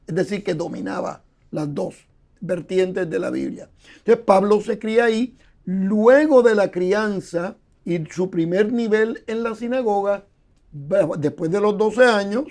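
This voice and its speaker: An older Bible scholar, appearing as a guest in a conversational interview, explains scholarly points at length, lecturing with examples and often repeating words. His high-pitched voice carries vocal fry and a slightly mellow quality.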